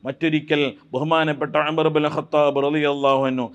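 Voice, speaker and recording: A male preacher, giving a Ramadan sermon that moves between slow chanted Quranic Arabic verses and storytelling with acted quotes. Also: fairly high pitch, flat delivery, clean tone, lo-fi sound. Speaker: Islamic preacher.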